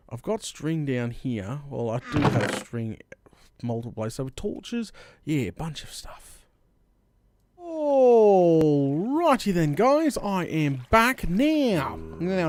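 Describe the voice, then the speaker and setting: An Australian man hosting a gaming video in casual commentary, rambling and thinking out loud in colloquial speech. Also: medium pitch. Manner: rambling, thinking aloud, with mild colloquial swearing. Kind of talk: casual Let's Play commentary. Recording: clear background noise, game clicks and water.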